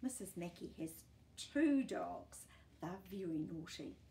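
Unhurried and warm, a lowish, expressive voice belongs to a storytime host in her sixties with a New Zealand accent. She reads a picture book to young children in a small, book-filled indoor room, full of expression and sprinkled with chatty asides and questions.

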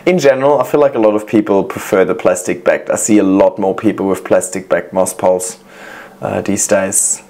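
A man hosting a casual reaction video, chatting warmly and reading viewers' messages aloud as he gushes over their plants. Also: low voice, fairly quick.

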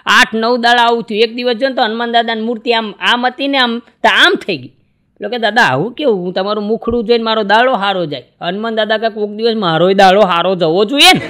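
A man's voice: fast talker, sharp tone. A man from Gujarat telling jokes on stage in a folksy storytelling way, acting out the dialogue in his stories. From Gujarat, India. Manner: folksy storytelling, acts out dialogue with shifting pitch. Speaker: stand-up comedian.

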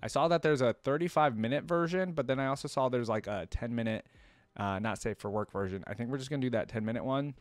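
A twenty-something man hosting a reaction video talks fast in a mid-range voice, reading story text aloud and commenting casually. He's indoors at a desk with a gaming chair, close on a desk mic, and the sound is dry.

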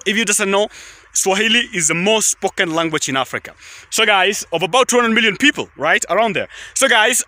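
A young adult Kenyan vlogger, whose first language is Kalenjin, rambles casually into his phone held at arm's length in a tea field. He speaks with a Kenyan accent, repeats himself often and keeps saying "guys." His voice is high, bright and forceful, and the recording is dry.

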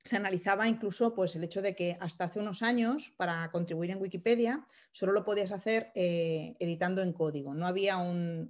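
Woman, thirties, lower warm voice, hesitant explainer on a video call. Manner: thoughtful, many hesitations and restarts. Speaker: speaker at an online workshop. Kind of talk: informal explanatory talk. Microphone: video call, laptop camera close up.

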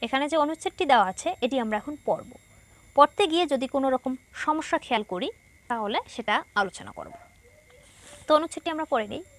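A woman's voice: high voice, lively intonation, a little fast. A woman teacher with a Bangladeshi Bengali accent, giving a patient, explanatory lesson to schoolchildren and reading passages aloud.

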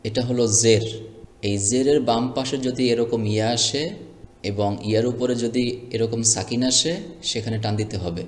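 A man teaching Quran reading, spelling out syllables one by one and chanting short recited phrases. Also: medium pitch. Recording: echoey room with long reverb.

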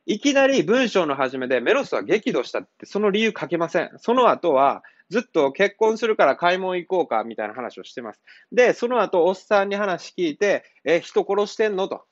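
A man's voice: high voice, sing-song, a little fast, no echo. A man, a cram school teacher going through answers to a literature exercise in a casual, blunt way with teasing asides. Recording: dull lo-fi sound.

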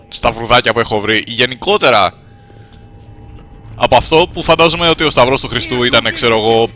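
A man from Greece giving jokey, sarcastic running commentary as he plays a game, jumping to high squeals when startled. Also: sharp tone. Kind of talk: comedic gameplay commentary in character.

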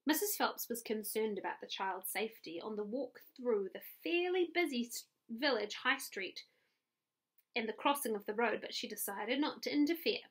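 New Zealand teacher reading aloud. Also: female voice, on the high side, animated, moderate pace, breathy edge. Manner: friendly, with asides to listeners. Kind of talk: children's read-aloud.

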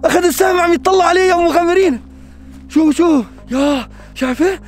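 A man with a very high voice and a Levantine Arabic accent hosts a staged adventure vlog. He talks fast and frantically, shouting warnings and muttering prayers under his breath. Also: faint music behind. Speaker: adventure vlogger.

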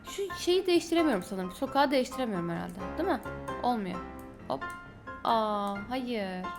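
Woman vlogger, high-pitched, casual chatty gameplay talk, music bed behind. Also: lively intonation, moderate pace. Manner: chatty, talks to viewers while building. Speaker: gaming YouTuber. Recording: background music under voice.

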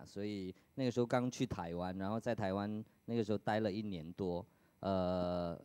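A man, chatting casually and softly about his early acting jobs, his phrases trailing off. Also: fairly low pitch, no echo. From Singapore. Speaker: musical theatre actor. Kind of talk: casual chat.

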